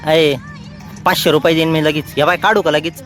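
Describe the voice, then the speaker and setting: A man's voice: a little high, flat delivery, moderate pace, fairly bright tone, faint music behind. A man, giving chatty, teasing vlog commentary outdoors. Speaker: vlogger.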